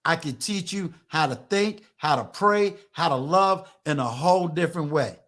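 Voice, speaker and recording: A man's voice: on the high side, lively intonation, moderate pace, fairly bright tone. A man in his fifties hosting a live stream, talking to his viewers in a preachy, emphatic, repetitive way. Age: 50s. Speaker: channel host. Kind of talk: live-stream motivational talk.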